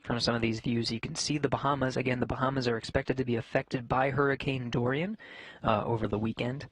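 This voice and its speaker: A man giving live space mission commentary in a measured, factual announcing manner. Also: medium pitch, steady tone, dry recording, poor audio.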